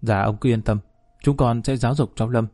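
A man's voice: medium pitch, fairly even intonation, brisk, dark tone, dry recording, clean studio sound, lightly acted. A male narrator voicing a police general who is respectful but firm. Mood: moved. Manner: firm, deferential.

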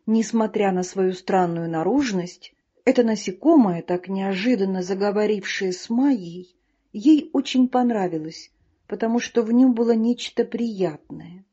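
A woman's voice: medium pitch, measured pace, mellow, slightly rough. A woman reading a children's story aloud as the narrator. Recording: dull lo-fi recording.

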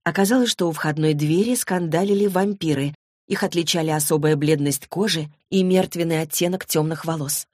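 A woman narrating an audiobook in an even, measured storytelling manner. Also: sits low, no room sound, clean studio sound. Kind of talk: scripted narration.

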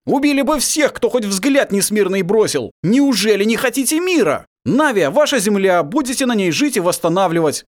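A man's voice: sits high, big pitch swings, moderate pace, hardly any pauses, pitched above the performer's own voice. A man voicing a young, resolute human prince, speaking with force in a raised voice. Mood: stern pleading.

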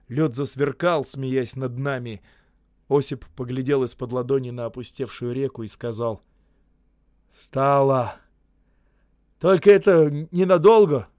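Guy reading a story out loud, steady and measured, dry recording. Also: mid-range voice, no echo. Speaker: narrator. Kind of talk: scripted literary narration.

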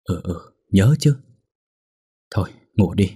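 A man voicing a calm middle-aged husband who speaks tersely and soothingly. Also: low voice, slow pace, husky, dry recording, studio quality, exaggerated voice.

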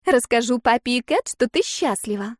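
A woman reading a storybook, voicing an earnest young girl who is the narrator's little sister, squeaky and eager. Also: animated, normal speed, dry recording, clean studio sound, close to an everyday voice.

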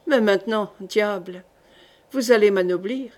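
A woman reading the part of a gruff older male jailer in an audiobook, speaking slowly and with quiet irony. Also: mid-range voice, lightly acted. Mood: calm ironic.

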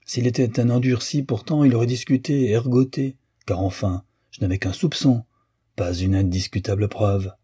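A man's voice: medium pitch, moderate pace, warm tone, breathy edge, dry recording, clean studio sound. A man voicing a stern, wrathful older male lawyer who hammers out his indignant words. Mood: brooding.

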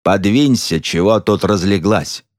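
A man reading an audiobook plays a gloomy, pompous count with a sardonic, gruff manner. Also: on the low side, very animated, unhurried, dry recording, studio quality, full character voice. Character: gloomy pompous middle-aged count, turning coarse.

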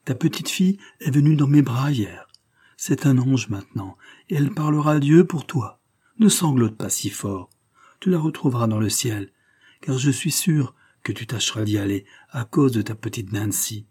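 A man voicing a soft-spoken grieving mother. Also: mid-range voice, lively intonation, normal speed, breathy edge. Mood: tender. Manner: soft, hushed and soothing. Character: grieving older farm mother, tender and gentle.

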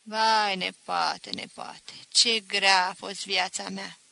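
Casting: a bedridden old uncle, worn out and wry, read by a woman narrator, bright tone. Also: medium pitch, flat delivery, creaky, no room sound. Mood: weary. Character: dying old uncle, weary, bitter, wry. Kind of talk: audiobook reading.

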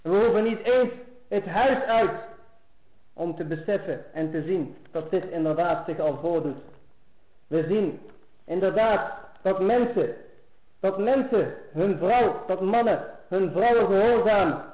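Earnest high-voiced man giving a lecture. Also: measured pace. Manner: earnest, rises in pitch and force on key phrases. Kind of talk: Islamic lecture. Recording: echoey phone-like lo-fi recording.

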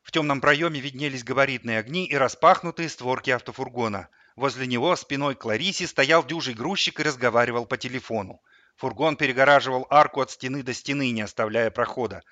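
A man narrating an audiobook with a vivid, expressive reading. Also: medium pitch, fairly quick, no room sound, dull audio.

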